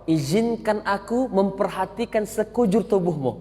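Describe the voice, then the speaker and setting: A preacher voicing a gentle, wise old monk in a low, hushed tone, recorded in an echoey mosque hall. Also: male voice, moderate pace, close to an everyday voice. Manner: low hushed tender delivery.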